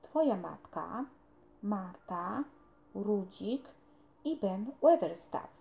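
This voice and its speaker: A woman's voice: medium pitch, animated, extremely slow, vocal fry, mellow, heavily acted. A woman reading aloud, voicing a lonely, prickly young girl with an earnest, wistful manner.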